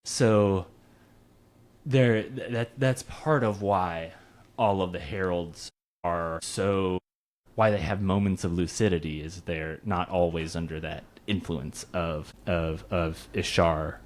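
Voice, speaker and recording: A man's voice: low-pitched, fairly even intonation, slow pace. A man co-hosting a podcast in casual chat, talking in a rambling way with many restarts and repeated words. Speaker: podcast co-host.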